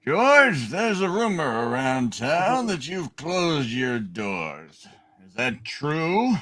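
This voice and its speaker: A man playing a scheming, smug old banker in a hammed-up radio play reading, deliberate and menacing. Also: a little high, sing-song, sharp tone, full character voice. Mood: probing.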